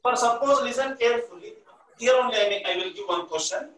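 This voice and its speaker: A man's voice: very high voice, brisk, a crowd in the background. A man with an Indian accent teaching a live online class, repeating himself and prompting listeners to finish his sentences. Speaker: chemistry teacher. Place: classroom at a blackboard. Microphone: distant camera microphone. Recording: echoey, distant room microphone.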